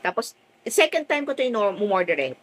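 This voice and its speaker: A middle-aged woman from the Philippines with a full, loud voice, chatting casually while selling on a phone live stream from home. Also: mid-range voice, normal speed, poor audio. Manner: chatty, lively, fond of "o, di ba?".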